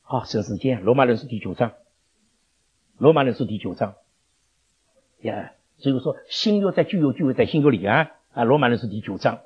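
A man teaching a Bible class, animated, questioning his listeners and chuckling often. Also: medium pitch, a little fast, pauses often, breathy edge. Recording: dull lo-fi recording.

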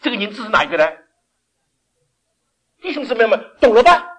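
This older preacher's voice sits high, and his sermon is brisk and very animated. Swinging from loud to quiet, he often laughs and questions the congregation.

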